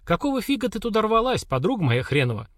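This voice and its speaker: Dude reading a gruff mocking warrior auntie, bossy, dry close mic. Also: male voice, high voice, big pitch swings, quick pace, a bit bright, no room sound, pitched above the performer's own voice. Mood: scolding. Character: stern, sardonic older woman warrior, an aunt.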